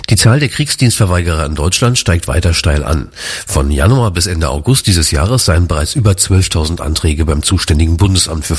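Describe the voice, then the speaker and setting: Deep husky male newsreader. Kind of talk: formal news reading.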